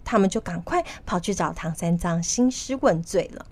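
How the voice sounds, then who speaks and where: A woman narrating a children's story in an expressive, animated way. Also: fairly low pitch, moderate pace.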